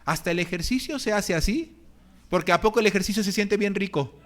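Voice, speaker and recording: Middle-aged man, pastor giving a church sermon; high voice, playful and self-mocking. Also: animated, a little fast, fairly bright tone. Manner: humorous, acts out his own groans and complaints. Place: church hall.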